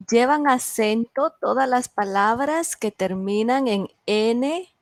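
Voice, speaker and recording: A woman teaching a beginners' class online, sounding out each word slowly and clearly for her students. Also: fairly high pitch, no echo. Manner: slow, carefully enunciated word drills. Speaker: Spanish teacher.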